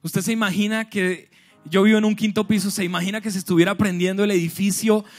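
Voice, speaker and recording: A male pastor preaching a lively sermon to a large church congregation, with bursts of shouting and acted-out scenes. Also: high voice, quick pace, soft background music. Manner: animated preaching, shouts and acts out scenes with humor.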